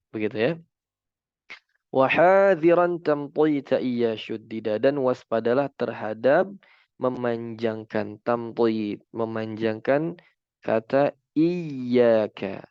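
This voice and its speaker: A man teaching a religious lesson on recitation, chanting example words slowly and then explaining them. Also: medium pitch, clean tone, dry recording, highs cut off.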